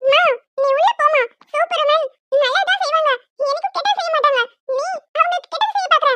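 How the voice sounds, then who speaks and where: A woman's voice: a little fast, bright, forceful tone, no room sound. A woman voicing a small, stubborn cartoon girl who pleads in a whiny, insistent way. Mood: pleading. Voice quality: squeaky and very high. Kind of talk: animated cartoon voice acting.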